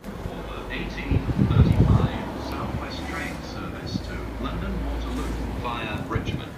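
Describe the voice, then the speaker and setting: A man's unhurried, formal train station announcement rings out over a platform loudspeaker, with a lively rise and fall in each station name. The voice bounces around the echoey platform from a distance. Loud train noise covers the background. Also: mid-range voice. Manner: measured, clipped, formal announcing. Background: trains and station ambience.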